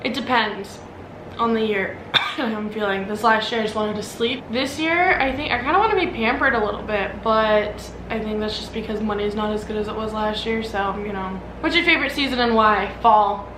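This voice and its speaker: A woman's voice: mid-range voice, normal speed. A woman in her early twenties with an American accent, chatting casually and a bit ramblingly as she answers questions about herself in a vlog. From Omaha, Nebraska, United States. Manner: informal, rambling, frequent "like". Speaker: vlogger. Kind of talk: casual get-to-know-me Q&A vlog. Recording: roomy echo, clear background noise.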